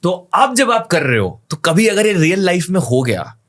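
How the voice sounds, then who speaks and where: A man's voice: high-pitched, very animated, moderate pace, a bit bright. A man from India, a martial arts academy founder, talking in a podcast interview, switching between Hindi and English and acting out example voices to make his points. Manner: acts out greetings and coaching voices as examples.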